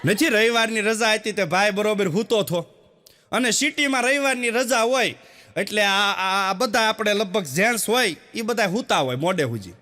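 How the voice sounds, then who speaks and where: A man's voice: high-pitched, moderate pace, bright, forceful tone. A man delivers stand-up jokes on stage. He acts out the villagers and family in his stories with quoted voices. The sound carries a long hall reverb. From Gujarat, India. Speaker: stand-up comedian. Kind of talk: Gujarati stand-up joke telling. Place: stage show with a live audience.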